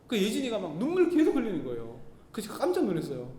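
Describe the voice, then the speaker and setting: High-voiced man preaching in an echoey hall. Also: huge pitch swings, very fast, mellow. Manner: earnest, storytelling, acts out his own quoted words. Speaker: pastor. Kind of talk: sermon with personal story. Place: church hall. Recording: echoey hall, faint rumble.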